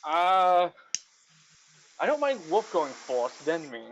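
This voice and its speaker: A tabletop game player talks casually and a bit hesitantly, in a mid-pitched voice. The mic carries faint noise and clicks. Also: sing-song, takes it slowly, lo-fi sound.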